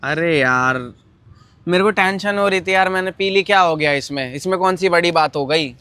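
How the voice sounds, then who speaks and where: A man's voice: high-pitched, moderate pace, sharp tone, clean tone, no echo. A young man filming a prank vlog, teasing and defiant as he brushes off his partner's scolding. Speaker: vlogger.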